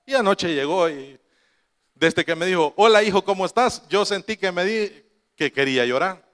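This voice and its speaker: A man's voice: sits high, expressive, moderate pace, fairly bright tone, big-room sound. A man preaching a sermon to his congregation, telling a family story with quoted voices and laughing asides. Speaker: pastor.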